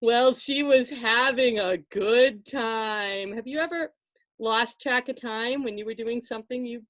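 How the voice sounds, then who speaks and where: Her voice sits a little high as she narrates a folktale for listeners. The delivery is lively and conversational, marked by dramatic pauses and side remarks, with no room sound in the recording.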